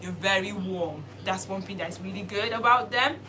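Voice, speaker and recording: A young woman from Italy teaching a casual video lesson, speaking slowly and deliberately and spelling out words. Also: mid-range voice, background noise. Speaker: language teacher.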